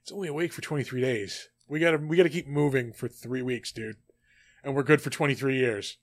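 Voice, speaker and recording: A man's voice: mid-range voice, a little fast. A man co-hosting a casual chat, laid-back, laughing often and swearing freely. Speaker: podcast co-host.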